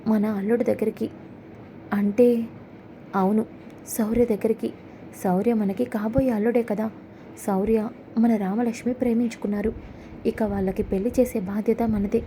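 A woman voicing a calm, fatherly middle-aged head of the family in a serial recap, speaking earnestly and reassuringly. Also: medium pitch, normal speed, pauses often, a little hiss or hum, lightly acted. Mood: decisive.

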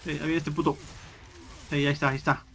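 A man's voice: a little high, level tone, fast talker, a bit bright, a little hiss or hum. A man doing casual, joking gameplay commentary and swearing constantly.

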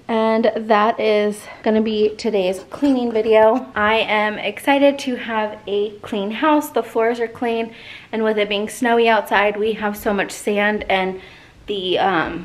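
A woman in her thirties talks to a camera she holds at arm's length as she walks through her kitchen and living room. She chats in a relaxed, rambling way, dropping in the odd filler. Her voice sits a little high. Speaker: home cleaning vlogger. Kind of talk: casual chat to camera. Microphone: camera held at arm's length.

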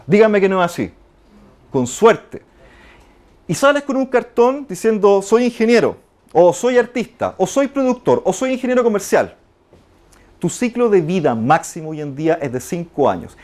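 Middle-aged chilean guy giving a lively talk, bit of a higher voice, acts out quotes. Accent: Chilean Spanish. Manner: animated, acts out quoted voices, frequent tag questions. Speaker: conference speaker.

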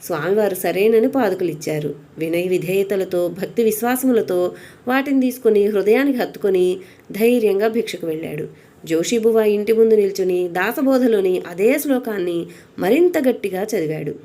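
A woman narrating a devotional story in a steady, even storytelling manner. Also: mid-range voice, moderate pace.

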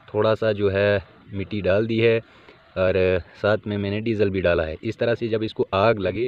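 A man with a Jammu and Kashmir Hindi accent giving a step-by-step outdoor how-to demonstration, talking into a handheld phone camera. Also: lowish voice. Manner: explains step by step, addressing friends. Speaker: beekeeping channel host. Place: outdoors on bare ground. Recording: dull lo-fi phone audio, faint outdoor noise.

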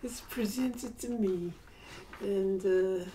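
40 yr old woman rambling slow on a webcam, lots of ums, bit distant, faint room hum. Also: medium pitch, mellow. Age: 40s. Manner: rambling, hesitant, many fillers and restarts. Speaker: vlogger. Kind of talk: casual personal vlog. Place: small cluttered bedroom indoors. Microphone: built-in webcam mic at desk distance.

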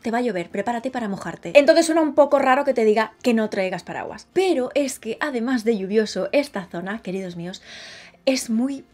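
A young woman, talking lively and chatty to camera in a casual vlog, recorded close up in a small bright room. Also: fairly high pitch, fairly quick, faint music behind. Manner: lively, chatty, gestures a lot with her hands. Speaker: vlogger.

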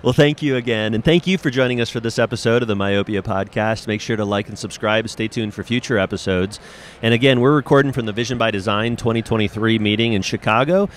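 A middle-aged man hosts a casual interview podcast in a low-pitched voice. He speaks into a handheld microphone with clear noise from the space around him. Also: quick pace. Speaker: podcast host. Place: curtained booth at a convention. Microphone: handheld microphone held close, with headphones. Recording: clear background noise of convention hall.

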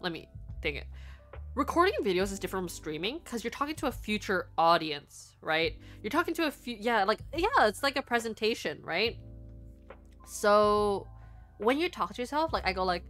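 Here the young VTuber and artist has a medium-pitched, slightly bright voice as she chats loosely with her stream audience, giggling and wandering between topics. Now and then she sounds congested, with soft music faintly in the background.

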